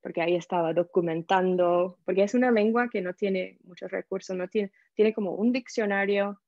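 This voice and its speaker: Speaking Spanish sprinkled with English words, a podcast guest from the United States with an American English accent animatedly recounts her story, performing the voices of people she quotes. She has a mid-range voice at normal speed, and the audio has no echo but the highs are cut off.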